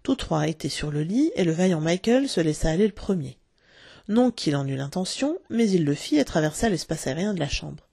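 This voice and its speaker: A woman's voice: low voice, lively intonation, a little fast, creaky, mellow, breathy edge, no room sound, clean studio sound. A woman reading a children's story aloud, telling it expressively and acting out the characters. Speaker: narrator.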